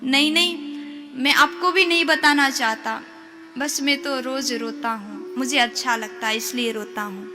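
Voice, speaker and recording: A woman's voice: high-pitched, fairly even intonation, a little slow, music in the background. A woman storyteller voicing an old blind male devotee who weeps and pleads with God. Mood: tearful. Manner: tearful, pleading.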